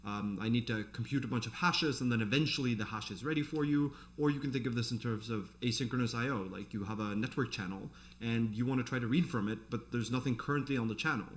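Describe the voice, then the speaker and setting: Man, programming instructor, mid-pitched voice, conversational, thinking aloud, informal live tutorial delivery. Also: fast talker, few pauses. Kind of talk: informal live coding tutorial, explaining off the cuff.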